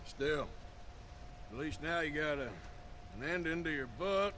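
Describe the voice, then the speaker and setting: An actor playing a laconic outlaw with dry humor. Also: male voice, a little high, a little slow, pushed and bright, slight background noise. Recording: game audio over clear music.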